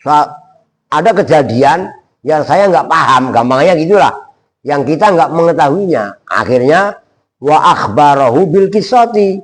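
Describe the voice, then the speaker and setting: A man, a kyai teaching Arabic grammar in a pesantren classroom, chanting Arabic phrases slowly and checking that his students follow. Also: on the high side, animated, low-quality recording. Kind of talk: classroom kitab lesson.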